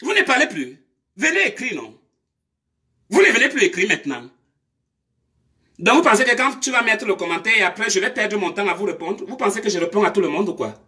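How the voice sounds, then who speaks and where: A woman's voice: medium pitch, very animated, a little fast, long pauses, pushed and bright. A woman, scolding her commenters during a live stream with confrontational rhetorical questions.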